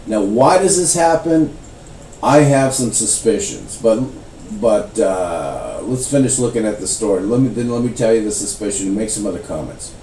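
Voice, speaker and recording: A man's voice: on the low side, moderate pace. Casual man teaching the Bible, roomy sound. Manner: animated storytelling, acts out voices. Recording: roomy, distant, faint background noise.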